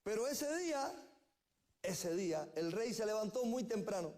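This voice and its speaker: A man's voice: sits high, lively intonation, a little slow, a little mellow. A male pastor preaching a sermon, telling the story with repeated key phrases. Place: church.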